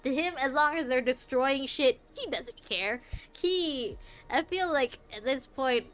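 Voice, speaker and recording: A young woman streaming a game, chatting to viewers with lots of laughter and excited reactions. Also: high-pitched, unhurried. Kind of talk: live gameplay commentary.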